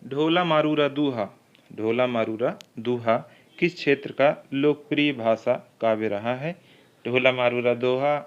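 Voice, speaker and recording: A man's voice: mid-range voice, smooth, lo-fi sound. A man teaching a Hindi literature exam-prep lecture, reading each question twice before going through the options and explaining the answer.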